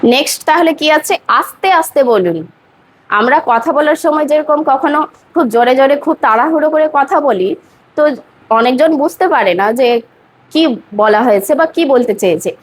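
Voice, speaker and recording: A woman with a high voice gives a spoken English lesson. She explains patiently and says each example sentence slowly, more than once, then stops to check that her students have followed. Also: expressive. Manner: patient, repeats phrases slowly and checks understanding. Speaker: English teacher.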